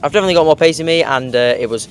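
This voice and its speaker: A teenage boy hosting a karting vlog, chatting casually and haltingly, with many fillers and restarts. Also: a little high, a little hiss or hum. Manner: rambling, hesitant, lots of fillers and restarts. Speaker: kart racer and vlog host. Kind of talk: casual trackside vlog chat.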